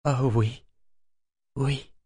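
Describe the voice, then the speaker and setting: A man's voice: fairly high pitch, takes it slowly, no echo, clean studio sound, pitched above the performer's own voice. A man voicing a shaken young woman. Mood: hushed. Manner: soft, hesitant and breathy.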